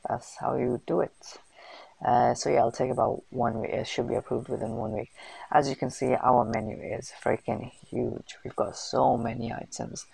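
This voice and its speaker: A man's voice: medium pitch, creaky, darkish tone, breathy edge, poor audio. A man hosting a casual screen-recorded tutorial, chatty and full of fillers and slang. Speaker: host of a food business channel.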